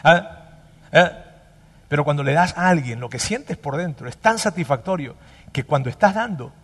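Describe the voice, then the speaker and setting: A man preaching a sermon as pastor, emphatic and animated, dropping to a hush and then rising loud again. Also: fairly high pitch, normal speed, slightly rough, long reverb tail.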